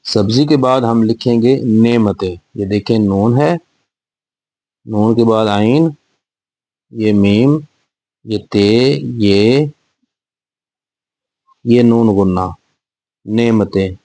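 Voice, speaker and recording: Male teacher, low mellow voice, unhurried, dry close sound, repeats words for kids. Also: no echo. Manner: patient, repeats each word. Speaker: Urdu teacher. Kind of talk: slow spelling lesson for children.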